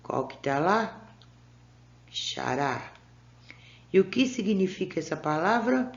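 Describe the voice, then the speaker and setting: Slow, gravelly Brazilian woman teacher. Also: lowish voice, sing-song. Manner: patient, clear, step-by-step instructions to children. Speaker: primary school teacher. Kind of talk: recorded remote class for young children. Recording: dull lo-fi recording.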